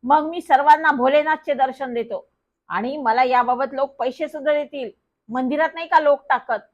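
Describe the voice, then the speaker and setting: A woman voicing a mischievous young boy who talks with excited, playful glee. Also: sits high, moderate pace, natural voice. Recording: dull lo-fi recording.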